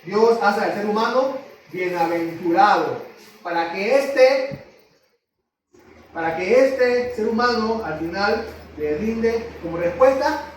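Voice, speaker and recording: Man, preacher, sermon, high voice, very echoey hall, distant mic. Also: expressive, slow pace, long pauses, a little hiss or hum. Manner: teaching, asks the congregation questions. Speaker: pastor. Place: church hall.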